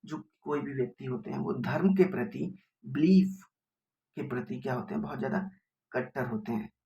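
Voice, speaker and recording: A man's voice: medium pitch, normal speed, dark tone. A man with an Indian accent teaching an exam-prep vocabulary lesson, explaining patiently, asking rhetorical questions and spelling words out letter by letter.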